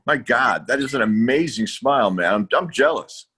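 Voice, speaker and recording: A man's voice: medium pitch, animated, moderate pace, pushed and bright, breathy edge. A man co-hosting a casual comedy chat, self-deprecating and stammering through restarts. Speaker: co-host.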